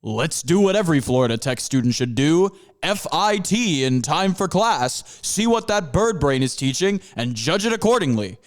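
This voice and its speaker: In an amateur audio drama, a man voices a pompous panther professor lecturing his students in grandiose, drawn-out phrases. His voice is a little high and sing-song, at a moderate pace.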